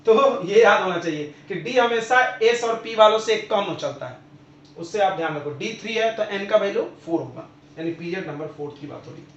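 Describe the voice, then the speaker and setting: A little fast and with lively intonation, a high-voiced chemistry teacher lectures his class and drills the students through repeated questions and answers. The audio is a roomy, dull lo-fi classroom recording.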